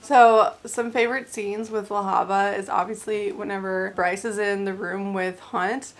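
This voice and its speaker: A woman's voice: medium pitch, fairly even intonation. Chatty, rambling woman reviewing a book. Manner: fast with filler words like "like". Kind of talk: casual book review chat.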